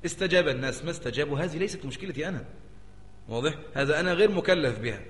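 A sheikh with an Egyptian Arabic accent teaches jurisprudence in a religious lecture, his fairly high voice rapid-fire and animated. He keeps the audience engaged by asking them rhetorical questions again and again. The recording comes from an echoey hall with long reverb.

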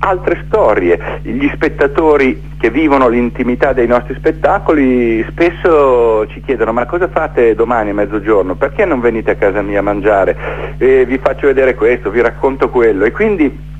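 A middle-aged theatre maker, interviewed on the radio, tells his story in a conversational, reflective way, stacking up lists with repeated phrases. His voice sits at medium pitch and moves at a normal speed, with narrow, tinny audio and slight background noise.

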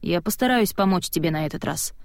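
A woman reading the lines of a stern, tired husband in an audiobook, firm, insistent and measured. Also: fairly low pitch, lively intonation, dry recording, clean studio sound. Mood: firm, weary.

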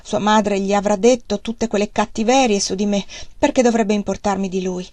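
A woman's voice: mid-range voice, fairly even intonation, moderate pace, a little mellow, no echo, close to an everyday voice. A woman voicing a proud, reserved young Victorian lady who speaks in a cool, guarded way. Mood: troubled.

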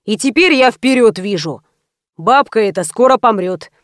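A woman's voice: on the high side, animated, normal speed, no room sound, studio quality, lightly acted. A woman voicing an eccentric elderly father who bluntly predicts people's fates. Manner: blunt, matter-of-fact.

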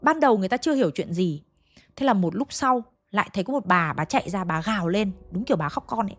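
A woman's voice: mid-range voice, expressive, quick pace. A woman narrating a ghost story in a chatty way, talking straight to her listeners. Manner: chatty, addresses listeners directly.

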